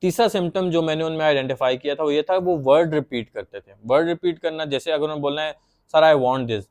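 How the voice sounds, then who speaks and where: A man's voice: a little high, fast talker, a little mellow. A man giving a patient, plain explanatory lecture on psychology, acting out stuttering examples as he goes.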